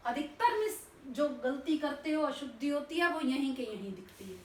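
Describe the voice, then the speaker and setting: A woman teacher slowly and patiently spelling out words sound by sound, asking and answering her own questions. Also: sits high, lively intonation, distant mic. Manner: slow, patient, spells out each sound step by step. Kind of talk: classroom lesson explaining spelling. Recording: echoey room, voice off-mic, faint background noise.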